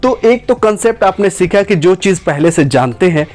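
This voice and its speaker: A man teaching English grammar, who repeats and slowly stretches out each example sentence. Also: sits high, lively intonation, darkish tone. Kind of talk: spoken lesson to camera.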